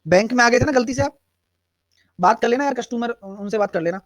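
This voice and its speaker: A man's voice: very high voice, fairly quick, no echo. A man teaching a live online math class, explaining step by step and answering students' chat questions. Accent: Hindi-English mix.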